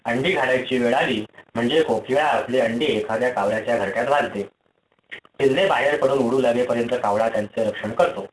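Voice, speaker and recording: A man reading a fable audiobook in a steady, measured way. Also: medium pitch, echoey room, slight background noise, low-quality recording. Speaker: audiobook reader. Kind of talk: scripted audiobook narration.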